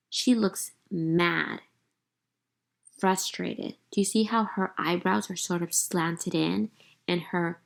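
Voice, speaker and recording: Speaking directly to young readers, a woman teacher leads a read-aloud lesson, mixing storybook narration with guided questions in an instructive manner. Her voice is fairly low in pitch, with vocal fry.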